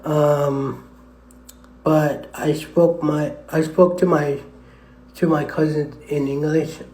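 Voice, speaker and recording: A man's voice: fairly high pitch, flat delivery, mellow. A man chatting hesitantly on a live stream with lots of fillers, his voice echoing off the walls of a tunnel. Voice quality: hesitant, halting with many fillers. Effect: echoing tunnel reverb, voice bouncing around. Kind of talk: rambling live stream chat. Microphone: tablet microphone. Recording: echoey tunnel sound.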